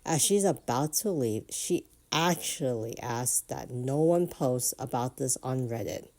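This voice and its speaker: A woman with a low-pitched voice reads online stories aloud. Between passages she reacts with animated, amused comments. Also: measured pace. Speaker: reddit story narrator.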